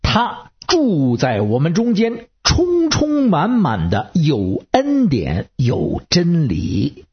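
Husky, animated preacher. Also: mid-range voice, slow. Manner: folksy storytelling, rhetorical questions to listeners. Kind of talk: conversational sermon. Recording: dull lo-fi recording.

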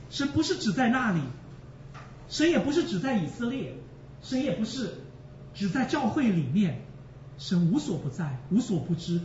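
Male preacher, high and lively voice, emotional, repetitive; distant, echoey, dull recording. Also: a little hiss or hum. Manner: emotional, repeats phrases for emphasis; addresses the congregation directly. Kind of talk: sermon.

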